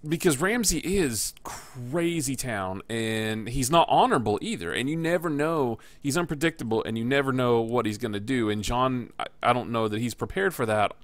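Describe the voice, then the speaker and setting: A man's voice: mid-range voice, normal speed, hardly any pauses, no echo. A man co-hosting a casual TV recap, chatty, jumping in with his opinions and restarting sentences. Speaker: podcast co-host.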